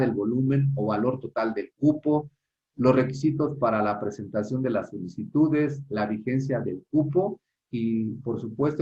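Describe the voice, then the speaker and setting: A man's voice: medium pitch, warm tone, highs cut off. A man with a Mexican accent giving a recorded course lecture on customs rules, talking to his audience conversationally and tagging points with a questioning "no?". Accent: Mexican Spanish. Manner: addresses the audience directly, repeats points for emphasis.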